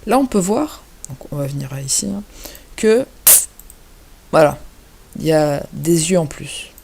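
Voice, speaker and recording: A man giving a casual, hesitant software tutorial over a screen recording, filling his pauses with little interjections. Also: a little high, lively intonation, vocal fry, breathy edge. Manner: hesitant, chatty, fills pauses with "hop" and "voilà".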